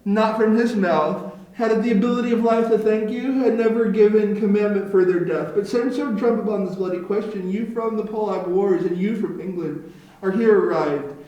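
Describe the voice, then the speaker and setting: A man's voice: sits high, normal speed, warm tone, dull audio, natural voice. A man voicing a grave, loyal nobleman mourning his prince in an amateur read-through of a Shakespeare play. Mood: solemn. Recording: very echoey room.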